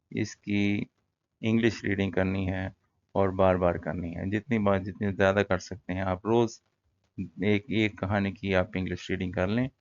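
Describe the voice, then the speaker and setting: Low gravelly-voiced male teacher. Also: no room sound, highs cut off. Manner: relaxed, explains in Urdu with English terms, many fillers. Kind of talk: casual classroom-style lesson.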